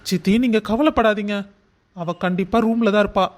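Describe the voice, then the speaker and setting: A man voicing a protective, hot-tempered young husband in a cartoon family drama, talking in an earnest way that turns angry fast. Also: high voice, noisy background, natural voice. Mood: reassuring. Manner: earnest, quick to anger.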